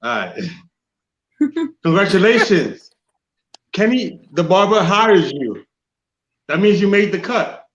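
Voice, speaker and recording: A man's voice: sits high, big pitch swings, takes it slowly, pauses often, a bit bright. A man firing off corny one-liners and laughing at his own puns. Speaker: pun comedian. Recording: echoey dull remote line with hiss.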